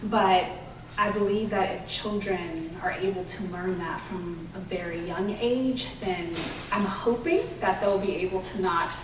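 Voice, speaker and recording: In an interview, a children's book author earnestly explains and promotes her work at a measured pace. Her medium-pitched voice is off-mic and distant, with roomy echo and faint background noise.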